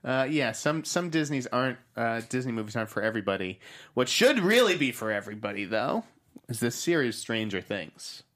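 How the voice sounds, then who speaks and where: A man's voice: medium pitch, sing-song, a little fast, fairly bright tone. An upbeat man steering a casual movie chat, his voice rising and falling a lot as he bounces between topics. He sits in a middle register. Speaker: podcast co-host.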